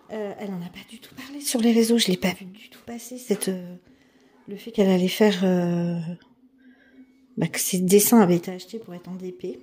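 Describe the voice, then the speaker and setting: A diamond painting vlogger with a warm, mid-range voice chats casually and eagerly as she unboxes a craft kit. Her speech is full of fillers and restarts.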